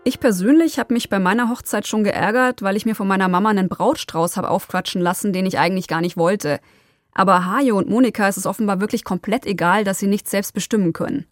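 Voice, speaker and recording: A woman hosts and narrates a documentary podcast, telling the story calmly with occasional personal remarks. She has a medium pitch and talks fast, and the recording is dry.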